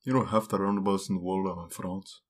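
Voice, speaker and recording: A young man co-hosting a casual comedic chat, teasing and deadpan. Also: sits low, fast talker. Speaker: podcast co-host.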